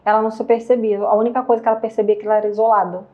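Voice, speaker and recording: A woman with a Brazilian Portuguese accent, a psychologist hosting a podcast, talking in a lively, casual way and acting out quotes with laughter. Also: a little high, racing, highs cut off. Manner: animated, acts out quotes with laughter. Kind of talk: casual conversational interview.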